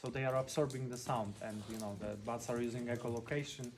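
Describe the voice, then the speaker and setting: A man who isn't a native English speaker works as a cave tour guide, explaining things informally and adding dry jokes. His mid-range voice is steady and slightly mellow, and he talks fast. The on-location recording inside the cave is noisy, with clicks.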